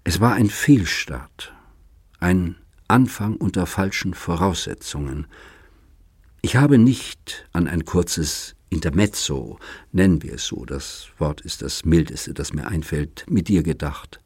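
Hurt earnest man, as read aloud, measured and precise, deep husky voice. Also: animated, a little mellow, no room sound, studio quality, full character voice. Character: earnest adult man, hurt and deliberate lover. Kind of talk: audiobook character reading.

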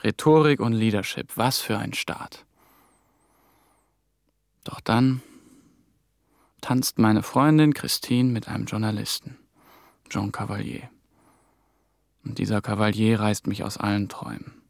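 This young adult man has a gravelly voice on the low side, keeps his tone steady, and speaks unhurriedly with frequent pauses. The studio-quality recording has no room sound. As the radio drama's lead and narrating protagonist, he plays a hunted, haunted, ambitious German intern on the run, relating events in tense, brooding, clipped phrases.

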